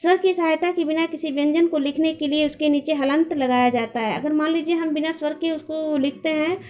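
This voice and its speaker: A woman's voice: high voice, steady tone, fairly quick, darkish tone. A woman teacher explaining a grammar lesson patiently, asking questions aloud and answering them herself.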